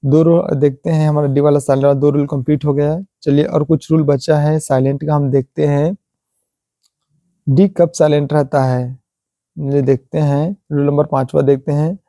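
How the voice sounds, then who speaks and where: A man teaching English pronunciation in Hindi, explaining rules slowly, repeating each example word, and slipping in simple English sentences. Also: fairly high pitch, flat delivery, mellow, dry recording.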